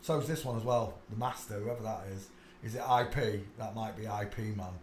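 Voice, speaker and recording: This man's voice sits fairly low and moves a little fast, with a faint hiss or hum on the track. Hosting his channel, he keeps up an insistent, rambling, casual monologue about some pictures, full of asides and "uh"s, recorded in an echoey room with faint ambience.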